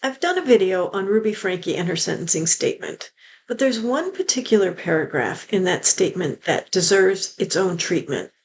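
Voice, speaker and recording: A woman hosting her own channel, delivering an indignant, emphatic opinion rant and slowing down to hammer her points home. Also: lowish voice. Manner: indignant, emphatic, slows down to stress words. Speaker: host of a true-crime language channel.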